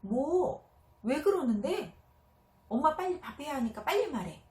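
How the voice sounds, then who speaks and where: A busy, impatient mother played by a woman who keeps cutting her child short. She speaks sharply and a little loudly, and her voice is raised in pitch. The room is echoey. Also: very animated, a little slow. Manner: sharp, brushing off.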